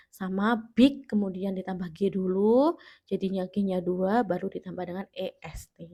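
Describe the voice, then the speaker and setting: An Indonesian woman teaches grammar in a patient, step-by-step way. Her voice sits at a middle pitch, and she often pauses to check that her students are following. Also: darkish tone. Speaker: English teacher. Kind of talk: classroom-style grammar lesson.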